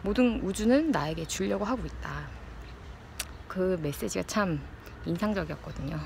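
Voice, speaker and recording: Holding her phone at arm's length in an open park with trees, a low-voiced woman vlogs, thinking aloud in a casual, reflective way. She's animated yet speaks in short, halting bursts, pausing to find her words, with clear park ambience behind her.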